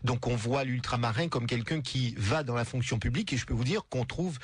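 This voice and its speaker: A man from the French overseas regions, a lawyer, explaining his view in a measured way as a guest on a radio show. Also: medium pitch, husky, dry recording. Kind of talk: radio interview.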